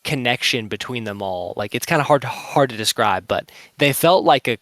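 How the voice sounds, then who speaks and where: A man's voice: mid-range voice, animated, normal speed, a bit bright, no echo, studio quality. A young man co-hosting an anime review podcast, rambling in casual chat with lots of filler words. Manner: rambling, heavy use of "like" fillers. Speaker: podcast co-host.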